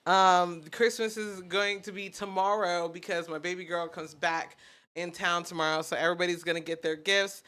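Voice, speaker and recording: Bright-voiced woman podcast producer chatting. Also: fairly low pitch, fairly even intonation, normal speed. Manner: rambling, self-admitted stuttering. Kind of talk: casual podcast chat.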